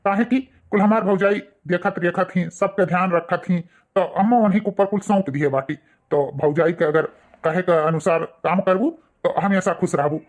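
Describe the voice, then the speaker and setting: A woman's voice: fairly low pitch, moderate pace, darkish tone, natural voice. Woman voicing an easygoing Awadhi village husband. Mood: advising. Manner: placating, lecturing in rustic dialect. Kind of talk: cartoon dialect comedy acting.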